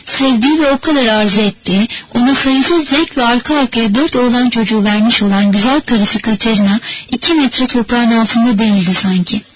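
A woman narrating a novel as an audiobook in a measured, steady reading manner. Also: fairly high pitch, slight background noise, rough recording. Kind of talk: scripted narration.

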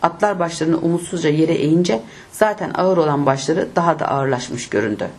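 A woman reading a novel aloud in a steady, measured audiobook narration. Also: low voice.

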